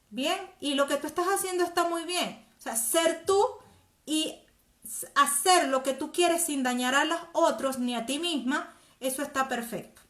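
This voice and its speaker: A woman talks directly to the viewers of her live stream, answering their comments. Her voice sits high, and the room around her gives a clear echo. She speaks in a gentle coaching way. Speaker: host.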